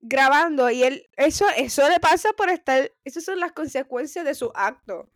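High-pitched blunt Puerto Rican woman. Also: expressive, moderate pace, no room sound, studio quality. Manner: blunt, slangy, scolding teasing. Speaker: podcast co-host. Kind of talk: casual chat.

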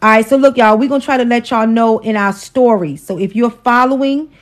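A woman's voice: on the high side, fairly quick. Outspoken woman in her forties. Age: 40s. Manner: outspoken, profane, preachy, teasing. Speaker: host, wife. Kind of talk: casual livestream relationship talk.

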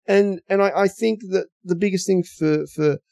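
Australian man, podcast pundit; gravelly, slightly high, blunt and rambling, dry recording. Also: steady tone, moderate pace, a little mellow, no room sound. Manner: rambling, blunt, repeats words. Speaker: podcast contributor. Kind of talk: casual football analysis chat.

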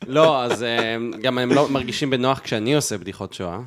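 A man's voice: mid-range voice, a crowd in the background. A man chatting casually and telling anecdotes in a jokey way.

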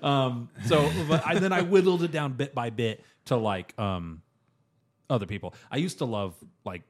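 A man's voice: medium pitch, normal speed. Young guy chatting on a podcast, rambly, um and like everywhere, laughs a lot. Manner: rambling, laughs often, many fillers. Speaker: podcast host. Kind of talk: casual podcast chat.

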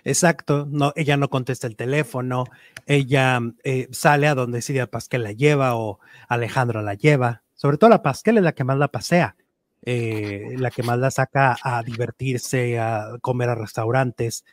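A man's voice: medium pitch, moderate pace, no room sound. A man chatting casually about celebrity gossip, talkative and opinionated, with many fillers. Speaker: entertainment news commentator.

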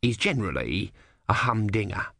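A man's voice: lowish voice, very animated, normal speed, creaky, pushed and bright, no room sound, exaggerated voice. A man voicing a dry, sardonic male tortoise god who speaks in a knowing way.

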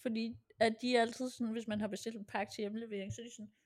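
A woman's voice: fairly high pitch, flat delivery. A young woman co-hosting a podcast, chatting in an informal, giggly way. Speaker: podcast co-host. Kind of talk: casual chat.

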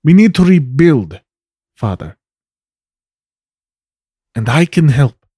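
A man's voice: fairly high pitch, big pitch swings, slow pace, mellow, husky, no room sound, clean studio sound, full character voice. A man voicing an earnest, defiant young woman who pleads in formal speech in a tabletop game. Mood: pleading.

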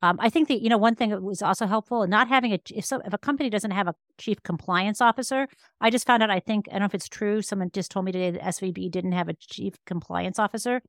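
A woman with a medium-pitched voice speaks quickly as an expert podcast guest, a law professor and author, explaining things conversationally and emphatically and often rephrasing along the way. The audio is studio quality with no echo.

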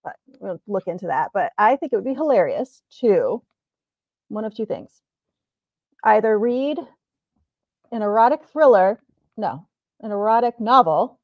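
A woman's voice: mid-range voice, measured pace, long pauses. A woman co-hosting a chatty podcast, laughing easily and rambling through her thoughts. Her voice comes through a dull, lo-fi recording in a dry space with no room echo. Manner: laughs often, rambling and animated. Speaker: podcast co-host. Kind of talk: casual chat.

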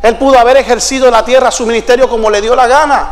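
A male pastor preaching a sermon, swinging between shouted declarations and sung lines. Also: very high voice, fairly even intonation, fast talker, long reverb tail. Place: church sanctuary.

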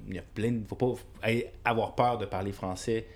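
A woman speaks in a casual panel chat, chatty and fond of jokes. Her voice is extremely low for a woman. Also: fairly even intonation, a little fast, a little mellow, slight background noise.

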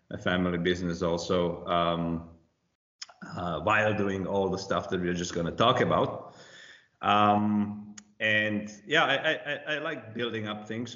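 A man in his forties with a very low voice, born in Slovakia, who talks with a halting rhythm full of ums and restarts. His voice comes through a muffled, roomy connection. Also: a bit bright. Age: 40s. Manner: hesitant, many fillers and restarts. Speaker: compliance consultant, guest. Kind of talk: casual interview talk. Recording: muffled, roomy remote audio.

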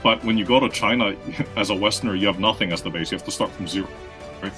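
A marketing consultant from Austria who grew up in the Philippines gives conversational interview answers as a guest, explaining at length with frequent "right?" check-ins and restarts. His voice is fairly low, bright and forceful, delivered at a quick pace with faint music in the background.

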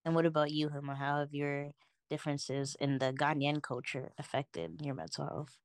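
A young woman hosting a casual podcast, relaxed and encouraging as she asks her guests questions. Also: low-pitched, normal speed, clear, resonant tone, no room sound, clean studio sound. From United States. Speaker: podcast host.

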